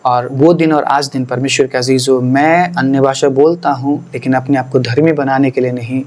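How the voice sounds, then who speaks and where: A man's voice: medium pitch, steady tone, normal speed, darkish tone, a little hiss or hum. A man, a pastor, explaining his teaching earnestly in a podcast, slipping English phrases into his talk and repeating words for emphasis.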